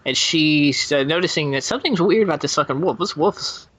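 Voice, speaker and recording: Bright, excitable, cursing man. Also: a little high, fairly quick. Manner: profane, stumbling, excitable. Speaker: podcast guest. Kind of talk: improvised comedic storytelling.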